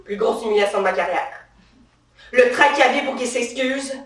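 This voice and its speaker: A woman's voice: a little high, moderate pace, close to an everyday voice. A woman acting a swaggering, bossy female police officer in a satirical comedy monologue on stage. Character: brash trigger-happy female police officer, touchy and power-proud. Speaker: stand-up character performer. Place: theatre stage. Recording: roomy stage sound from far off.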